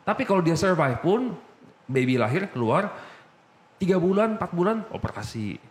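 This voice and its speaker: A man casually telling his personal story as a guest, slipping English phrases into his talk and getting animated as he recounts. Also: high voice, normal speed.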